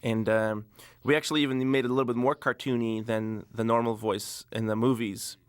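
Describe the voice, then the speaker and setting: Man giving a relaxed DVD commentary. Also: mid-range voice, fairly quick, clear, resonant tone, dry recording. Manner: relaxed, rambling, many fillers. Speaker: director.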